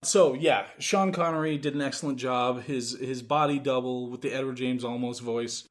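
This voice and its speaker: A man co-hosting a deadpan comedic podcast about movies, rambling through absurd claims and often laughing at his own jokes. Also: medium pitch, normal speed. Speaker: podcast co-host.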